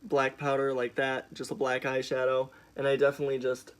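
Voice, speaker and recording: A man's voice: mid-range voice, completely flat delivery, brisk, heavy background noise. A young man with a sassy, emphatic drag-queen delivery, chatting casually as he hosts a makeup tutorial. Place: indoors, small room at home.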